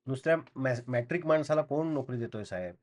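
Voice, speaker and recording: A man's voice: medium pitch, animated, a little fast, a little mellow, lightly acted. A man reading the part of an earnest young door-to-door librarian, talking in eager, apologetic salesman patter.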